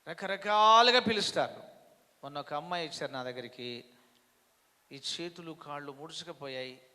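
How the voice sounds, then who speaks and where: Bright-voiced preacher man, reverberant hall. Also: a little fast. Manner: rises to loud emphatic peaks, then drops low for prayers. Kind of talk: sermon.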